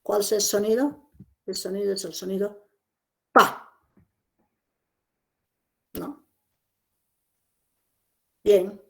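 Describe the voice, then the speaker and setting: A woman's voice: medium pitch, takes it slowly, creaky, pauses often, dark tone. Woman teaching a phonetics class. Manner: explanatory, repeats key points, checks with "¿no?". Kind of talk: classroom lecture.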